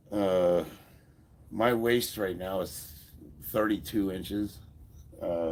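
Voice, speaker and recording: A husky, deep-voiced American man in his fifties chats casually with his livestream viewers. He is a powerlifter, sounds congested from a head cold, and handles comments bluntly, with swearing and easy laughter.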